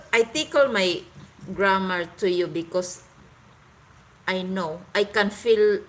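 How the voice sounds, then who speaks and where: A Visayan-accented woman from the Philippines, whose first language is Cebuano, casually talks with live stream viewers and repeatedly stops to search for English words. Her medium-pitched voice is a bit bright, and the phone recording is low quality.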